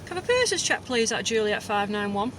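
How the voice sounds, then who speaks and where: Police officer making crisp radio checks. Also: medium pitch, very animated, fast talker, a bit bright, a little hiss or hum. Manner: crisp, procedural. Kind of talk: roadside questioning and radio check.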